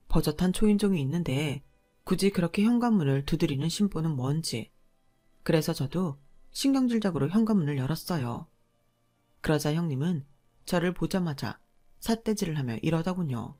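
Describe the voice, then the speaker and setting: A woman narrating her own story in a radio drama in a calm, matter-of-fact way and speaking as the heroine. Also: low-pitched.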